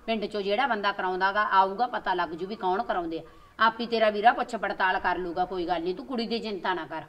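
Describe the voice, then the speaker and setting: A woman's voice: mid-range voice, fast talker, highs cut off, natural voice. A woman playing a soothing village sister-in-law. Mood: reassuring. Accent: rural Malwa Punjabi. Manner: soothing, reassuring.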